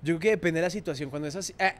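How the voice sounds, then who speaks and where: A man in his thirties with a Bogotá Colombian accent trades blunt, slangy banter as a podcast guest. He talks in a fairly high register for a man, often breaking off and restarting his sentences. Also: very fast. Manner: crude slang-heavy banter, trailing restarts. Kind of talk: casual chat.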